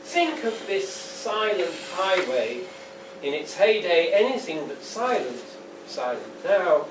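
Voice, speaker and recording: Speaking in a high-pitched, sing-song voice, a poet reads at a book launch in an indoor pub after an informal introduction. His manner is deliberate, dry and wry. The recording, made from afar, picks up an echoey, noisy live space.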